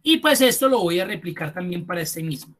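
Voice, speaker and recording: A man's voice: sits high, sing-song, fairly bright tone. Man, spreadsheet instructor, live class, patient, step-by-step, thinking aloud. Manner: patient, step-by-step, addresses students with "usted"; thinks aloud, with restarts and drawn-out words. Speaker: Excel instructor. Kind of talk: live online class walkthrough.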